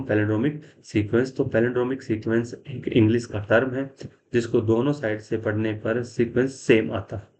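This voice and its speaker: A man with a medium-pitched, slightly mellow voice gives a biology classroom lecture, explaining step by step. He asks questions and answers them himself, mixing English science terms into his speech.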